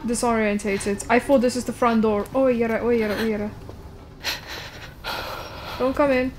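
Excitable swearing young woman gamer. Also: on the high side, moderate pace, noisy background. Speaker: gamer streamer. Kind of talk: casual game commentary.

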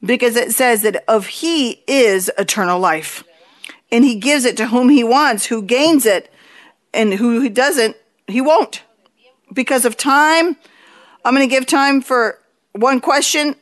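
An older woman leading a Bible study in a church hall, preaching slowly and earnestly into a handheld mic. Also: high voice, fairly bright tone. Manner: slow, earnest preaching with pauses. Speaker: church leader.

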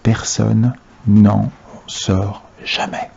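A man reading aloud and voicing an old grandfather who speaks in a low, confiding voice. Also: animated, measured pace, darkish tone, highs cut off. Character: old grandfather, secretive storyteller.

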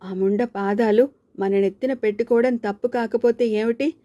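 A harsh, cursing old mother-in-law in a full temper, as a woman storyteller reads her part. Her voice sits low and mellow despite the scolding, recorded close and dry. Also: fairly even intonation, moderate pace, dry recording, lightly acted. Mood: angry scolding.

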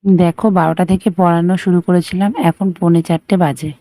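A woman narrating her own vlog in a calm voice-over, recounting her day of teaching and her mother's cooking. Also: lowish voice, a little fast, dry recording.

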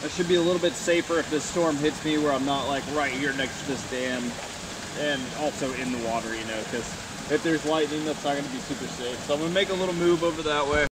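Fishing on a riverbank below a dam, a man in his thirties vlogs matter-of-factly to an action camera mounted on his chest or head. He talks fast in a fairly high voice, and wind and water noise fill the outdoor background.

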